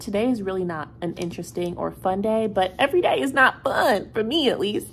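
A vlogger in her twenties chats casually to a phone camera held low and close in her bright apartment, where a ceiling fan turns overhead. She tells stories in an animated, chatty way with laughs, sounding a bit congested. Her voice sits in the mid range, with a little hiss or hum in the audio.

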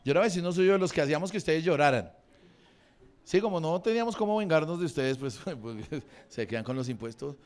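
Rowdy stand-up from a man in his forties with a Bogotá accent, swearing freely and teasing the crowd as he riffs. His voice sits a little high for a man. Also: animated, fast. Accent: Bogotá Spanish. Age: 40s. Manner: crude, swearing, bantering with the audience. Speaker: stand-up comedian. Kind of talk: improvised stand-up crowd work. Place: comedy venue with a live audience.

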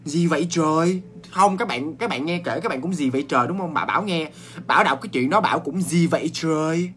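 A man with a Southern Vietnamese accent telling a ghost story in a chatty, animated way, full of exclamations and restarts. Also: a little high, quick pace, a little hiss or hum.

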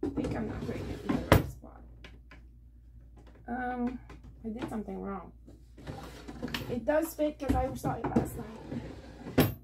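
Heavy background noise surrounds a middle-aged vlogger as she chats unhurriedly to a tabletop camera in her living room, leaving long pauses. Her voice is a little high, and she rambles with many fillers about her thrift and yard sale finds.

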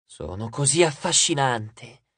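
A man's voice: on the high side, very animated, unhurried, slightly rough, no room sound, full character voice. A man voicing a vain young man in an audiobook, talking in a languid, self-admiring way. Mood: smug, dreamy.

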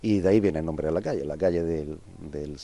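A man's voice: a bass voice, fairly quick, dark tone. A man, guiding a walk through old town streets and explaining their history in unscripted speech with frequent restarts. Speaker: local historian guide. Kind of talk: walking tour explanation. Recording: local TV street report.

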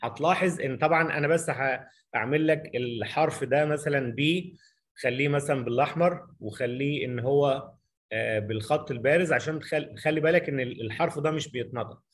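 A man's voice: medium pitch, fast. A middle-aged man with an Egyptian Arabic accent teaching English in a recorded lesson, asking rhetorical questions and spelling out examples as he writes them.

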